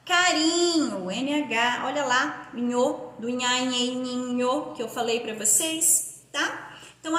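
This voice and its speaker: Female primary teacher from Brazil, slow and deliberate phonics drilling. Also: high voice, a bit bright. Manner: slow, drawn-out syllable-by-syllable pronunciation. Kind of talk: primary school phonics lesson. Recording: echoey room.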